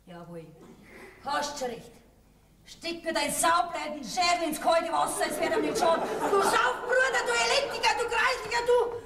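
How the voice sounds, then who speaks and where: A scolding, indignant Bavarian farm wife and mother, her voice very high. It is a folk stage comedy heard from far off in a hall, with a long echo trailing her words. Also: normal speed, a loud crowd, very noisy. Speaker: stage actor. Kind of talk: folk theater comedy acting.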